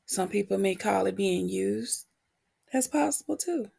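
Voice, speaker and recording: A woman who hosts a podcast and works as a motivational coach speaks candidly and reflectively on her own, her husky voice cracking as she recovers from a cold. Her mid-range voice is animated and warm, and she takes her time, pausing between short phrases.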